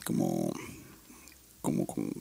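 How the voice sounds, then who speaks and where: Soft-spoken Venezuelan man, gravelly. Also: slow. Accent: Venezuelan, picking up a Chilean lilt. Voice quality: soft-spoken, low volume. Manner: joking, self-mocking. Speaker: podcast co-host. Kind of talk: casual chat.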